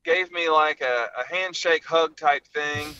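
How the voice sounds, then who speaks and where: A man's voice: on the high side, a little slow, pushed and bright, slight background noise. A middle-aged man, a podcast host calling in from the road and telling stories in a folksy, rambling way. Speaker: podcast host and law firm managing partner. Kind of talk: casual podcast chat. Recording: muffled call-in line.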